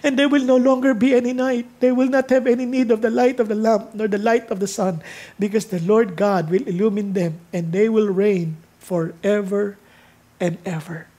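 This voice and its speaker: A woman with a Filipino accent preaching a sermon, switching freely between English and Tagalog, reading scripture slowly and building to heartfelt, emotional high points. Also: steady tone, warm tone. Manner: earnest, reads scripture slowly and rises to emotional peaks.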